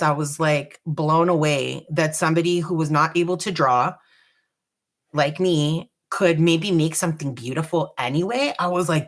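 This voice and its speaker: A woman hosting a live dot painting tutorial, chatty and relaxed, joking about her own nerves. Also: low voice. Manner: chatty, relaxed, self-deprecating. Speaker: craft tutorial host.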